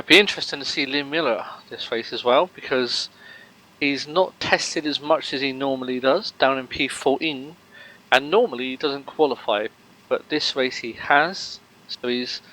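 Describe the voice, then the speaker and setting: A man's voice: medium pitch, a little slow, bright, forceful tone, poor audio. A man commentating a sim race live, rambling with lots of fillers and joking banter with his co-host.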